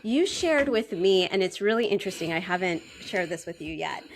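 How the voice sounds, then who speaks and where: A woman's voice: lowish voice, animated, a little fast, slight background noise. Woman hosting a podcast interview. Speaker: podcast host.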